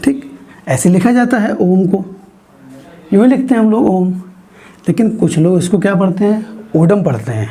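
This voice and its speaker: A man teaching a grammar lesson, explaining slowly and asking his students frequent questions as he writes on a board. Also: high-pitched, lively intonation, dark tone, breathy edge. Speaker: Hindi teacher.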